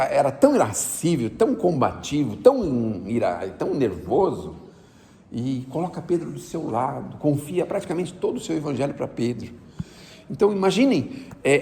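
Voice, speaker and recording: Brazilian male speaker, mid pitch, chatty lecture style with lots of tag questions, long reverb, faint ambience. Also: slight background noise. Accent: Brazilian Portuguese. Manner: conversational, animated, frequent tag questions. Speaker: spiritist lecturer. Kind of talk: religious talk.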